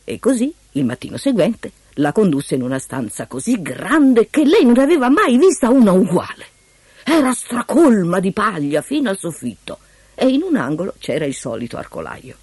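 A woman narrating a fairy tale aloud in an expressive, lilting way, with music playing behind. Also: mid-range voice, moderate pace, husky, no echo. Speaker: storyteller.

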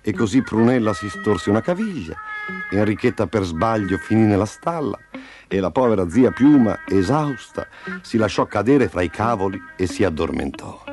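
A man narrating a children's storybook with expressive storytelling. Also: on the low side, normal speed, music in the background. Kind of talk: storybook reading.

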